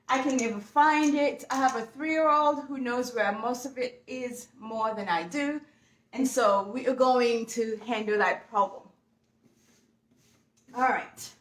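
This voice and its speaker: A young Ugandan woman who vlogs furniture painting talks casually and upbeat to viewers during a project at home. Through the camera mic her fairly high voice has a roomy sound.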